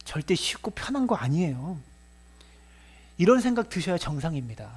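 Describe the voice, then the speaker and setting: A man preaching a Sunday sermon in a high, animated voice. His pitch swings widely as he acts out a master scolding his servants. A faint mains hum sits under the recording. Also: normal speed, breathy edge. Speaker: pastor.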